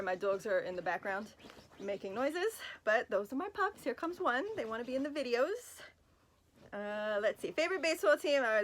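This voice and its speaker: This Brooklyn-born woman has a fairly high, fairly bright voice and a strong New York accent. Recording on her phone while in bed, she chats her way through fan questions, rambling, teasing herself and peppering everything with fillers and asides.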